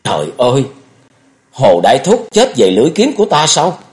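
A man's voice: lowish voice, very animated, normal speed. A man voicing an anguished young male swordsman who pleads and cries out, in an audiobook reading. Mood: anguished shouting. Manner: pleading, shouts in grief.

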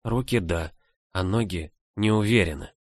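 Guy reading a scared lost young woman, quiet, almost whispered. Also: sits low, moderate pace, no room sound, studio quality. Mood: whispering.

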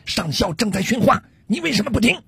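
A man doing a stern, annoyed army captain in a radio comedy. He hisses a scolding under his breath, his voice pushed higher than usual. Noise sits behind him. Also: sing-song, a little fast, vocal fry, heavily acted. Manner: scolding in a hushed voice.

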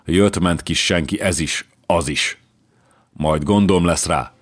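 A man voicing a resentful nobleman who mutters and grumbles, in an audiobook reading. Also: low-pitched. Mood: grumbling.

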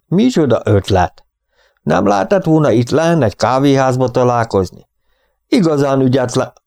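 A man's voice: mid-range voice, animated, gravelly, a little mellow, no echo, clean studio sound, pitched above the performer's own voice. A man reading an audiobook, voicing a vain, fussy stage actor who is theatrical and self-pitying.

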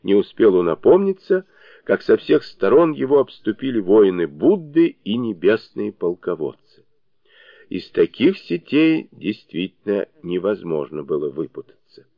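A man with a low voice narrates a fairy tale audiobook, his pitch rising and falling in lively, expressive storytelling. The sound is dull and lo-fi, dry and close, with no room echo. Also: unhurried.

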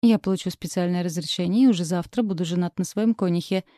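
A woman's voice: on the low side, fast talker, warm tone, no room sound, clean studio sound, close to an everyday voice. A woman reading a sarcastic, arrogant young duke. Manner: sarcastic, commanding.

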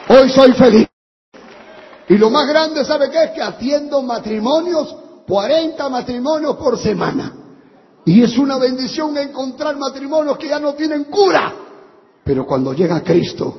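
Pastor, fifties, fervent preacher, high gravelly voice, dull lo-fi recording in a big reverberant hall. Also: male voice, a little hiss or hum. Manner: impassioned preaching with shouted praise. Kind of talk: sermon. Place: large church hall.

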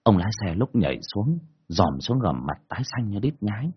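A man telling a first-person ghost story in a colloquial, earthy, expressive way, in a dull lo-fi recording. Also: fairly low pitch, normal speed, slightly rough.

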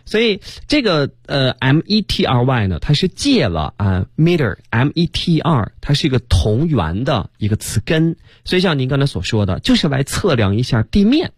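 A man explaining English word roots on a radio lesson, his pitch moving with lively range. His voice has a slightly husky edge. The studio sound is close and dry. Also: normal speed, hardly any pauses, no room sound. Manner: explains word roots patiently, agrees often. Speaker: radio English teacher co-host.

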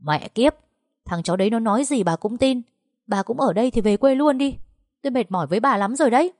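Woman narrator playing a hot-headed young man, angry and fast. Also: fairly high pitch, lively intonation, darkish tone, no echo, studio quality, pitched above the performer's own voice. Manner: angry, cursing. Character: hot-tempered young man yelling at his mother.

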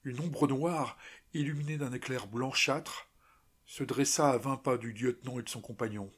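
A man's voice: mid-range voice, steady tone, moderate pace, husky. A man narrating a classic novella as an audiobook, reading dramatically with strong emphasis.

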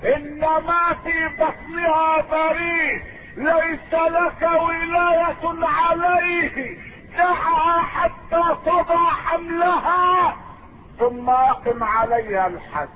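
A man's voice: very high voice, fairly even intonation, slow, background noise, pitched above the performer's own voice. A man preaching voices a stern, commanding man who rebukes a ruler, on a tinny lo-fi tape. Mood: urgent rebuke.

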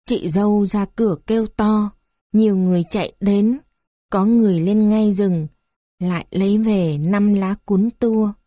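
A woman reading a story aloud in a slow, measured narration. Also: mid-range voice, steady tone, dark tone, no room sound, studio quality.

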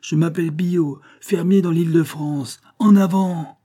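A man voicing a fiery, defiant middle-aged farmer who shouts and rouses a crowd in a storybook reading. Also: a little high, fairly even intonation, unhurried, voice pushed up. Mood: furious rousing. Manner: shouting, rousing, indignant.

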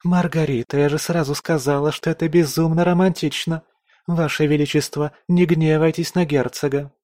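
A man's voice: a little high, steady tone, normal speed, darkish tone, dry recording, clean studio sound, voice pushed up, natural voice. A man doing a gushing young court lady. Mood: pleading.

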